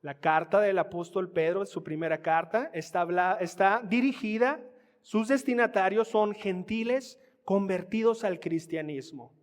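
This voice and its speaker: A man's voice: high voice, unhurried. A man preaching a sermon with a Mexican Spanish accent, teaching in a conversational way and calling the congregation family. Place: church hall. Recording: long hall reverb.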